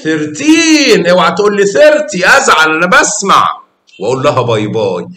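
An animated Egyptian math teacher with an Egyptian Arabic accent teaches young children in an echoey room. His voice is a little high and his pace quick as he coaxes, praises, and quizzes his pupils.

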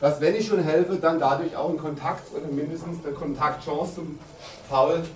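A man's voice: a little high, normal speed. Middle-aged male coach, roomy distant sound. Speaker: handball coach. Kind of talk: pre-game team talk. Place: indoor team locker room. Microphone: camera a few metres away. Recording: roomy, distant camera mic, background noise.

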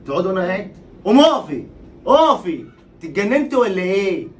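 A man's voice: high-pitched, expressive. A man playing a domineering young husband, speaking in an Egyptian accent and snapping out orders. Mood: angry, bossy. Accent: Egyptian Arabic. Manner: barking orders, rapid and curt. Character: harsh domineering young husband, later remorseful. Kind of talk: short web drama acting.

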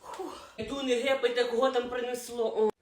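A woman plays a breezy young woman who talks quietly and bluntly, brushing things off. The voice has a roomy echo. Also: on the high side, fairly even intonation, fairly quick, distant mic, a little hiss or hum, lightly acted. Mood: offhand. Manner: soft, offhand, quiet.

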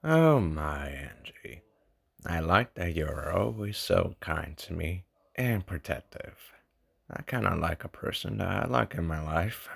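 Guy doing a smug demon gentleman for a cartoon comic dub, slow drawl, swoopy and theatrical. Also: sits low, very animated, gravelly, breathy edge, heavily acted. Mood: smug, flirtatious.

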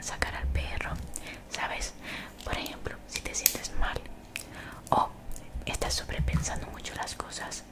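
A young woman gives soothing, motivational ASMR in a breathy whisper very close to the mic, gently repeating phrases. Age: young adult. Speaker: ASMR creator. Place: small bedroom, indoors. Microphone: desktop condenser mic, very close.

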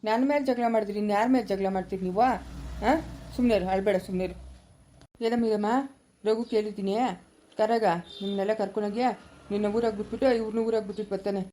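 A woman's voice: medium pitch, steady tone, fast talker, mellow, a little hiss or hum, close to an everyday voice. A woman playing a firm, middle-aged male village elder in a rural family drama. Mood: soothing.

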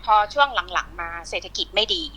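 A woman from northern Thailand with a Northern Thai accent, speaking as an insurance agent guest over a phone call, polite and quick to laugh. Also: fairly low pitch, animated, pushed and bright, husky. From Lampang, northern Thailand. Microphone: phone on an online call.

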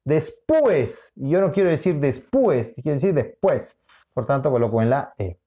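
A man's mid-range, expressive voice with a warm tone carries a recorded online lesson from a school teacher. He repeats himself patiently, explains in a drawn-out manner, and regularly checks in with brief questions.

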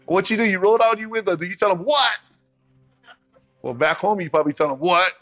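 A man from the Pacific islands preaches in a high, bright voice, full of call-and-response and playful asides. Soft music plays faintly behind him. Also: lively intonation, very fast. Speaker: pastor. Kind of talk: sermon.

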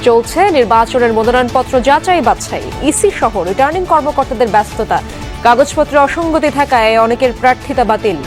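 নারী সংবাদ পাঠিকা, সুরেলা উঁচু কণ্ঠ. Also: female voice, fairly high pitch, over music. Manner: measured formal delivery. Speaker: news anchor. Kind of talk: scripted news reading.

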